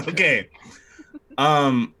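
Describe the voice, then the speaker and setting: A woman's voice: sits low, drawn-out words, sharp tone, slight background noise. A woman playing a tabletop game, bantering casually in a wry, joking way.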